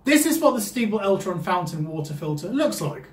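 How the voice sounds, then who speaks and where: Lively high-voiced man hosting. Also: fairly quick, echoey room. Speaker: channel host. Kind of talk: scripted explainer narration.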